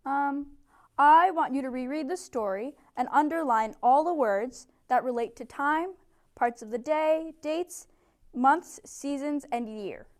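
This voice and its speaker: A young woman tutoring a small group of adult English learners in a classroom, giving clear, encouraging instructions. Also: high voice, measured pace. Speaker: ESL tutor. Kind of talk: teaching a small group lesson.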